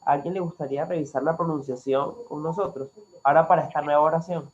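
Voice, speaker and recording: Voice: medium pitch, steady tone, racing, muffled recording. An English teacher with a Latin American Spanish accent, a native Spanish speaker, leading an interactive online class in an encouraging, instructive manner. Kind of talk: interactive online language lesson.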